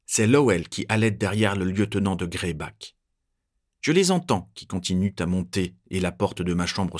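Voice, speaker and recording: A man reading a first-person story aloud in a measured, tense narrating voice. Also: low-pitched.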